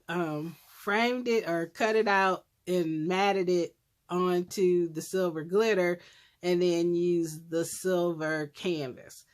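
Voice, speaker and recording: Woman, middle-aged, slightly hoarse, low voice, slow unhurried rambling, casual craft show-and-tell. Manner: unhurried, rambling, with many ums and self-corrections. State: losing her voice, clearing her throat. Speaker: crafting YouTuber.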